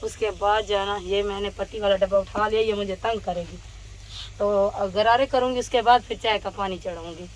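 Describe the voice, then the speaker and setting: A woman's voice: mid-range voice, steady tone, moderate pace, slight background noise. A woman with a sore throat, chatting casually as she narrates her morning chores, often saying "jo hai na.". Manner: chatty, explaining each step, often says "jo hai na". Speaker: village family vlogger. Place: outdoor village courtyard in fog and wind.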